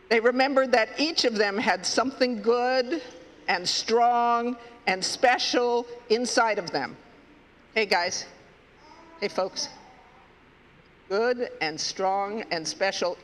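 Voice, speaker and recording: Man, children's storyteller, playful, halting, very high voice, slow pace, church sanctuary. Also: a bit bright. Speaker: children's story leader at worship service. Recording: echoey hall.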